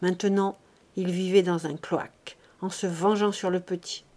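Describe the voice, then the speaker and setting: A woman narrating a classic novel as an audiobook, in a measured, expressive reading. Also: lowish voice.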